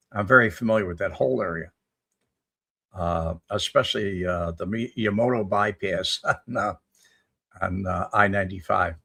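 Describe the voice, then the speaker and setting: A man in his seventies with a low, gravelly, husky voice chats casually on a livestream. He reads out viewer comments and answers them in a rambling, folksy way. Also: fairly bright tone. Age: 70s. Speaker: livestream host answering chat. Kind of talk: casual live chat reading viewer comments.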